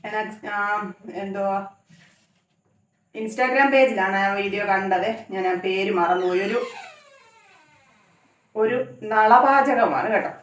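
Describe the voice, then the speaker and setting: A woman's voice: mid-range voice, slow pace, pauses often. Chatty woman in an echoey kitchen. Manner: rambling, conversational, often adds tag questions. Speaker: cooking vlogger. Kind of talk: chatty home cooking vlog. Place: home kitchen. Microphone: phone camera some distance away. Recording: echoey room, voice from far off.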